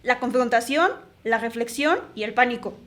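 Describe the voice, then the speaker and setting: A woman in her twenties with a Mexican accent, co-hosting a podcast in animated, reflective casual chat. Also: on the high side, moderate pace. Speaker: podcast co-host.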